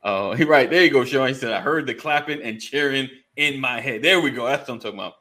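A man's voice: mid-range voice, fast, pushed and bright. A man hosting a casual live show with the joking, informal patter of a morning radio DJ, chatting to his audience. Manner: jokey morning radio DJ patter, greeting listeners by name; informal, colloquial phrasing. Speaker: host of a live online men's community show.

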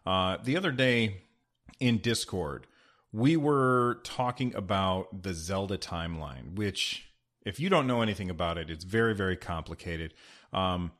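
A man's voice: low voice, lively intonation, unhurried, a bit bright. Chatty man in an echoey room. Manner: chatty and rambling, many fillers. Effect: echoey half-finished room. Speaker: podcast host. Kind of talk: casual solo podcast talk. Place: unfinished home studio room.

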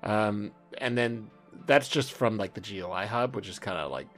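A podcast host with a lowish voice speaks at a moderate pace, chatting casually and now and then reading text aloud. He's informal, swears, and laughs a lot, with music playing under his speech.

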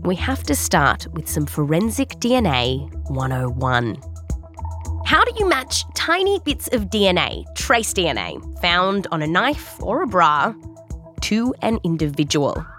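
She narrates with an Australian accent, guiding a scripted science documentary as host in a conversational, story-like way that leans on important words. The delivery is very animated yet a touch slow, her lowish voice slightly bright over soft background music.

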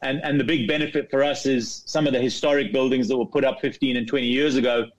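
A middle-aged man from Zambia, a company chief in a business interview, speaking haltingly with many restarts and repeated words. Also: mid-range voice, steady tone. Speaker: property fund CEO, guest. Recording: dull lo-fi remote line.

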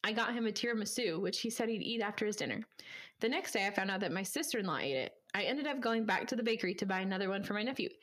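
A woman's voice: medium pitch, expressive, very fast, a bit bright. A woman co-hosting a casual podcast chat, laughing often and reading posts aloud. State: has the hiccups. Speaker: podcast co-host.

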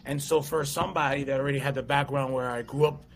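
Speaking fast at a medium pitch, this comedian and actor from the USA, a man in his thirties, chats casually as an interview guest. He tells stories with animation, frequently performing quotes and voices. There's slight background noise.

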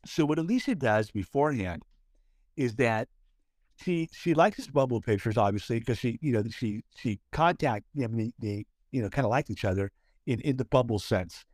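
A man's voice: mid-range voice, animated, normal speed, darkish tone, dry recording. A man co-hosting a podcast who leads the conversation, hypes up his friend and often restarts his sentences. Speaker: podcast co-host. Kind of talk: casual chat, leading the story.

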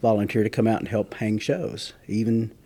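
A man hosting an interview podcast, chatty and friendly with halting restarts. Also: lowish voice, flat delivery, mellow, husky. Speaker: host, museum director.

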